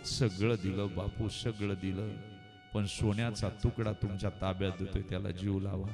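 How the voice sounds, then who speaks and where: A man's voice: sits low, little pitch movement, moderate pace, creaky, darkish tone. A man playing a tearful pleading old father. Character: aging village father pleading for his daughter. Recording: reverberant hall with music.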